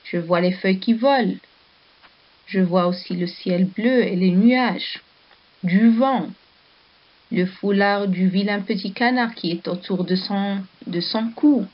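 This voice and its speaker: A woman's voice: medium pitch, takes it slowly. A woman teaching a primary class, reading a story aloud and patiently asking the children questions and praising their answers. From Morocco. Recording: dull lo-fi recording.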